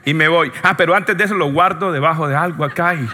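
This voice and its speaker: A pastor from Latin America preaching a sermon with a joking, animated storytelling manner. He keeps checking in with the congregation. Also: on the high side, fast, a little hiss or hum. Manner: joking, animated storytelling, often asks the audience "yes or no". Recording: long hall reverb.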